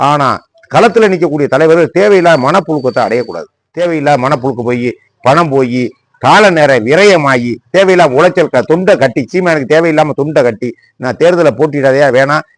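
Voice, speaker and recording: A rapid-fire man with a Tamil Nadu Tamil accent, ranting through a political commentary in a sarcastic, scolding tone. His voice sits somewhat high for a man. The sound is close and dry, with no room echo. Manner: scolding and sarcastic, full of rhetorical questions. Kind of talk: heated political commentary monologue.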